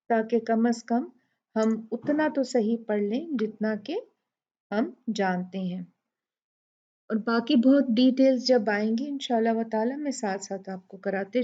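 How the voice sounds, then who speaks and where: Pakistani urdu lady teacher, reciting slow, stretches sounds out, kinda muffled lo-fi audio. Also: a little high, warm tone. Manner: patient, drawn-out syllables, repeats sounds for students. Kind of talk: slow tajweed lesson with recitation.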